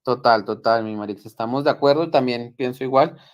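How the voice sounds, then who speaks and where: Affirming Colombian host, dry close voice. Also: male voice, mid-range voice, brisk, dry recording, dull audio. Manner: agreeable, affirming, steady. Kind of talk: live-stream discussion.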